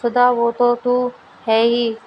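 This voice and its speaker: A sly young neighbor woman, read by a woman for a storybook. She teases with a high voice that hardly rises or falls. Delivery is slow. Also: completely flat delivery, dull audio, a little hiss or hum. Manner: teasing, sly. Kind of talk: storybook dialogue reading.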